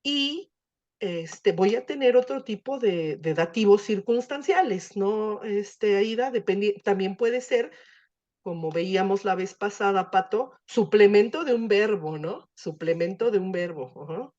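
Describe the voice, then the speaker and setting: A woman's voice: mid-range voice, unhurried, darkish tone, dull audio. A woman teacher explaining Latin grammar in an online class, patient and full of fillers.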